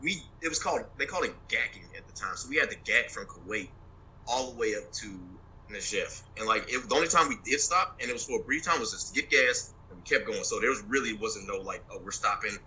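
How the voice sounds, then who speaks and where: Bright-voiced profane veteran storyteller. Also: male voice, mid-range voice, fast talker, a little hiss or hum, poor audio. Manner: profane, animated storyteller, laughs a lot. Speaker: military veteran guest. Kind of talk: casual storytelling interview. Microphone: phone.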